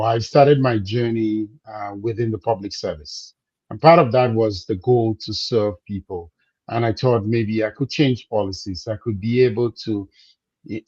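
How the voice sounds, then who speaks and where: A man, a business coach speaking as a guest, measured and reflective, slowing down to stress his points. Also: medium pitch, darkish tone, breathy edge, dry recording, dull audio. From Cameroon. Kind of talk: conversational interview.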